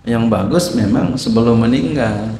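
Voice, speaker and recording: A man's voice: medium pitch, unhurried, dark tone, a little hiss or hum. A man giving a sermon, explaining Arabic text phrase by phrase and asking his listeners questions. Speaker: Islamic teacher. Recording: echoey hall.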